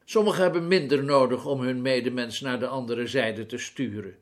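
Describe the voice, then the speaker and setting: A man's voice: medium pitch, normal speed, lightly acted. A man voicing a grim male demagogue who preaches doom to a crowd. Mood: ranting. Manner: loud, declaiming, fire-and-brimstone.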